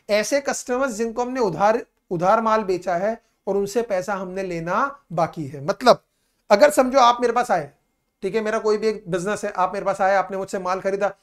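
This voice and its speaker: A man teaching a commerce lesson, explaining patiently, repeating key points and reading definitions slowly. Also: high-pitched. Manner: patient, repetitive explaining, calls students "beta"; reads English definitions slowly and deliberately. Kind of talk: classroom lecture in mixed Hindi and English.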